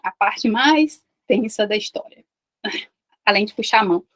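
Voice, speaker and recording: A woman's voice: medium pitch, unhurried, a bit bright. A Brazilian woman in her thirties sharing an emotional personal faith testimony with a live online group, repeating herself and confiding. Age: 30s. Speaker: online community host.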